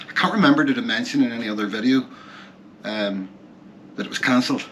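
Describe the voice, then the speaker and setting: A travel vlogger from Northern Ireland talks casually to his vlog in a lowish voice and a Northern Irish accent, rambling, trailing off and switching track mid-thought. Loud music plays over him, with slight background noise and poor audio overall.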